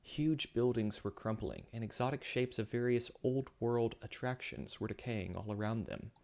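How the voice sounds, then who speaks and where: A man's voice: mid-range voice, moderate pace, creaky, darkish tone. A man reading his own science fiction story aloud, with occasional slips and self-corrections. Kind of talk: story narration.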